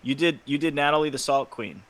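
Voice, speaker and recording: A man's voice: a little high, fairly quick, a bit bright. A man narrating a fanfiction reading with friends, upbeat as he announces each speaker's cue. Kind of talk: casual chat and fanfiction narration.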